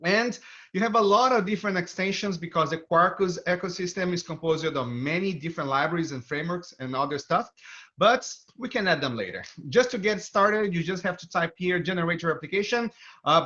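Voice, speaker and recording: His voice sits high, runs fairly quick, and has a slight brightness. This Brazilian developer advocate gives a cheerful technical talk, demonstrating code live for viewers. Sound quality is dull, like band-limited stream audio.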